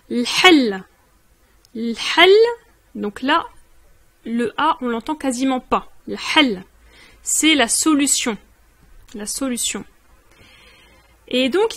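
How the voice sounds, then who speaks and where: A woman's voice: on the high side, a bit bright. A woman teaching a vocabulary lesson, carefully repeating each word and explaining its pronunciation. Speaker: language teacher. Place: Rabat, Morocco.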